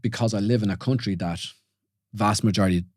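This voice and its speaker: Fast and a little mellow, the lowish voice belongs to a man from Ireland in his forties hosting a podcast alone. He reflects aloud in an informal, questioning way, with many restarts and repeated "you know?" checks to listeners. The sound is dry and cleanly studio-recorded.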